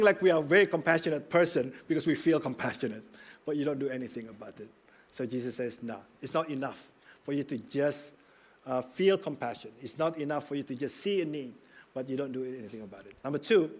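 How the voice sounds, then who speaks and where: A man preaching with a slightly raised pitch. He is earnest and emphatic. He keeps checking in with his listeners as he builds each point. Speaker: pastor. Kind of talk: sermon.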